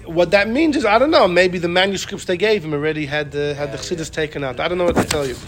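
A man with a notably high voice leads an informal Torah class. He talks in a lively way, repeats his points and acts out the quoted speakers as he goes. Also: very fast.

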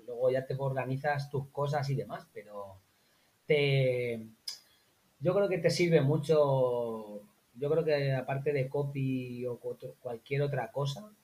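Man, interview guest, lively anecdote teller in relaxed chat. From Spain. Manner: animated anecdotes, acts out quotes in high voices. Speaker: interview guest, former teacher in Morocco. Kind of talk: casual conversational storytelling.

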